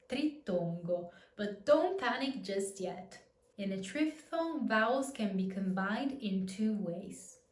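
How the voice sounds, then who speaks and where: A woman teaching a pronunciation lesson, patient and clear, demonstrating each word slowly and repeating it. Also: mid-range voice, darkish tone, echoey room. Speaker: language teacher.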